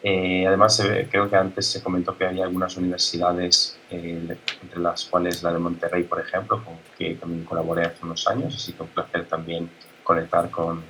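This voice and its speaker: An Italian man, a native Italian speaker, giving a conference talk as a guest speaker, halting, with many fillers and restarts. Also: low-pitched, monotone, pushed and bright, slight background noise, poor audio. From Italy.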